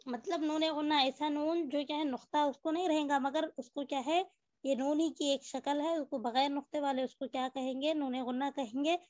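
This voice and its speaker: A woman's voice: high-pitched, fairly even intonation, a little fast, darkish tone, dry recording. A woman teaching a reading lesson. She patiently repeats example words and asks questions that she answers herself. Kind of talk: reading lesson, drilling word lists. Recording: dull, dry lo-fi recording.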